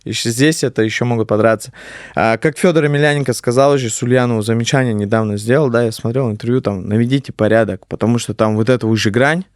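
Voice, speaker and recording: Man, middle pitch, casual sports talk, conversational, repeats himself for emphasis, dry close sound. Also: fast talker, no echo. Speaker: guest commentator on MMA talk show.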